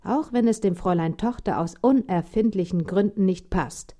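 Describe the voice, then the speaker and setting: Eine Frau, die eine strenge, nörgelnde Mutter spricht, schrill und vorwurfsvoll. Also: female voice, moderate pace, warm tone, natural voice. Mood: nagging. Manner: shrill, nagging, scolding. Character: strict nagging mother, sharp and disapproving.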